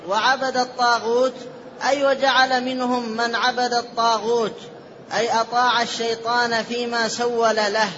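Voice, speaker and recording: A man with a very high voice reads a classical text aloud in a lesson, measured and formal, carefully marking each vowel. His delivery stays flat and even throughout. The recording is muffled and lo-fi under a light hiss. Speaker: student reading the text aloud. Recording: dull lo-fi with faint hiss.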